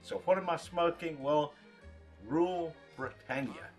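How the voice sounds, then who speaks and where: A man giving a casual, rambling product review in short, halting phrases, as a reviewer talking to his viewers. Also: fairly high pitch, faint music behind. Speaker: pipe tobacco reviewer.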